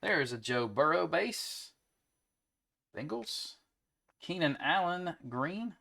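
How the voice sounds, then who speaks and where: A man's voice: on the high side, sing-song, slow pace, creaky, pushed and bright. A young adult man hosting a trading card break, chatting casually and calling out player names as he opens packs. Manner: easygoing, rattles off player names between chat. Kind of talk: casual chat while opening card packs.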